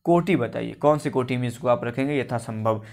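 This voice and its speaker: A man's voice: mid-range voice, a little fast, gravelly, darkish tone. A male teacher giving a grammar lesson for exam preparation. He explains step by step, often asks a question and then answers it himself. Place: coaching class recording.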